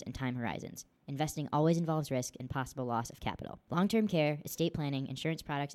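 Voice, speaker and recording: Very fast legal disclaimer read. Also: mid-range voice, a little mellow. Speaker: disclaimer announcer.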